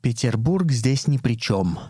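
A man's voice: medium pitch, expressive, unhurried, mellow, slightly rough, dry recording, studio quality. A man voicing a withdrawn young daughter who answers her parents curtly and gloomily. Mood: sullen. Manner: curt, gloomy and impatient.

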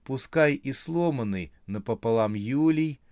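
A man narrating an audiobook in an even, measured storytelling manner. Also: medium pitch, clear, resonant tone, no echo, lo-fi sound.

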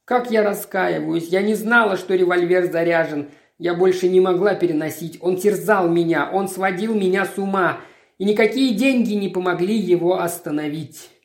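A woman voicing a distraught young wife who sobs and cries out in shrill, pleading bursts. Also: moderate pace, natural voice. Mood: despairing. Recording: roomy echo.

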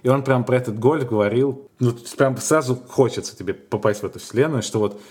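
A man co-hosting a podcast, chatting casually and telling stories in a musing, unhurried way with small hesitations. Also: mid-range voice, darkish tone. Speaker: podcast co-host.

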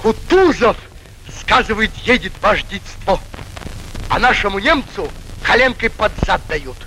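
An actor playing a folksy, grumbling Russian common soldier in a historical film, on a slightly noisy soundtrack. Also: male voice, high-pitched, sing-song, unhurried, sharp tone, exaggerated voice. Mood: gossiping.

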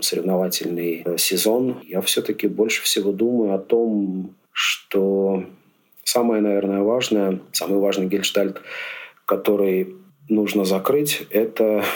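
Man, forties, very low voice, slightly rough, podcast guest, rambling. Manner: reflective, rambling, many fillers. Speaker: podcast guest, amateur triathlete. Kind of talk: casual interview chat.

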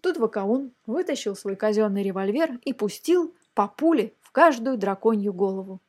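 A woman reads a fairy tale aloud to children, addressing the young listeners directly in a lively, expressive storytelling style. Her voice is mid-range and her pace is normal.

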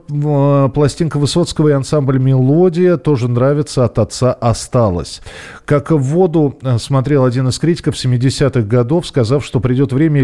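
A man hosting a call-in radio show, his voice low and warm. He muses through his thoughts at an easy conversational pace, with plenty of fillers. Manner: conversational, musing, with frequent fillers. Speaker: radio host.

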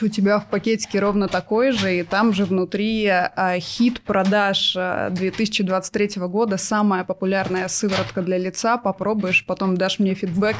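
A woman's voice: mid-range voice, a little hiss or hum. A woman in her thirties from Russia, a guest entrepreneur speaking in a chatty, enthusiastic podcast interview with frequent fillers. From Novosibirsk, Russia. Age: 30s. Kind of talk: conversational interview.

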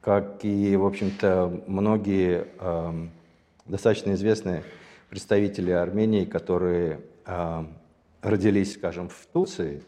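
Low, dark-voiced man in his sixties. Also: steady tone. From Azerbaijan. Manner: measured, thoughtful, pausing to search for words. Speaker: interview guest. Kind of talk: reflective personal storytelling. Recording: long hall reverb.

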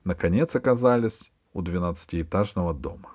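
A man with a fairly low voice reading a children's story aloud. His delivery is steady and measured as he carries the narration. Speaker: audiobook reader.

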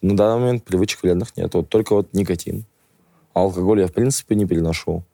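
A man's voice: deep voice, fast, creaky, mellow, dry recording. A man guest in a radio studio interview, talking casually and emphatically, pushing his opinions hard. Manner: emphatic, opinionated, rants with rising force.

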